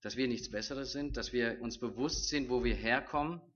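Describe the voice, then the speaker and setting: A man's voice: mid-range voice, normal speed, a bit bright, lo-fi sound. A man preaching a sermon in an earnest, personal way, sometimes acting out his own prayers.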